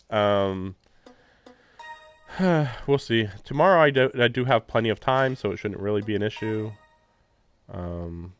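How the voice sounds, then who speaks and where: Medium in pitch and free of echo, this man live-streams a visual novel, reading its text aloud and adding casual, wry, offhand remarks. Faint game music from the soundtrack plays behind his voice.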